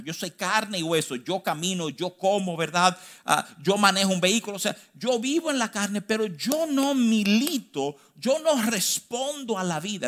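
A man with a Dominican accent preaching a sermon, stressing key phrases slowly and then rushing through quick asides. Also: high-pitched, sharp tone. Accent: Dominican Spanish. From Dominican Republic. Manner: emphatic, swinging between slow stressed phrases and quick asides.

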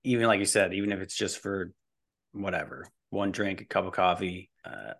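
A man in his early forties with a low, gravelly, slightly bright voice talks at a normal pace. He's a fitness and nutrition coach appearing as a podcast guest, explaining things casually and informally in a rambling way.

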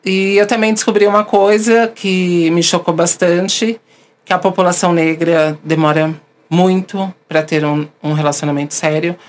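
A woman's voice: on the low side, normal speed. A woman, a podcast host now interviewed, telling candid personal stories and acting out the people she quotes. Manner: animated, acts out the voices of people she quotes.

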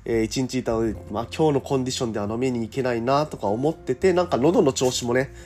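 Hoarse man hosting a casual morning show. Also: medium pitch, fast, a little mellow, faint music behind. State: hoarse, scratchy throat from a cold. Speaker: radio host and cycling tour guide. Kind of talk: casual morning radio monologue.

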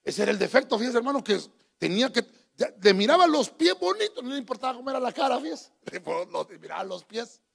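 A man's voice: very high-pitched, sing-song, fast talker, vocal fry, husky. A man preaching to his congregation in a folksy, joking way, often calling them brother. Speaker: pastor. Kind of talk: sermon. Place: church. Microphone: handheld microphone.

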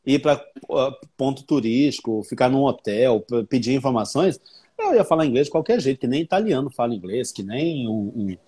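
A man's voice: medium pitch, expressive, moderate pace, mellow, husky. A man from Brazil, a guest English teacher, explaining patiently with many examples. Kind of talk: explanatory conversation.

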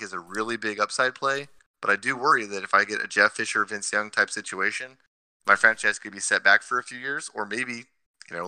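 Bright, crisp-voiced man talking football stats. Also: fairly low pitch, no echo, low-quality recording. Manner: analytical, cites stats. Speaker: podcast co-host. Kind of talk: casual sports podcast chat.

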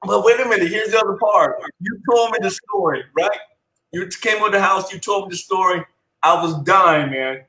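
Fairly high male voice, teasing friend, reverberant room. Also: pushed and bright. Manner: teasing, laughs while telling, drawn-out delivery. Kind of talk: casual chat.

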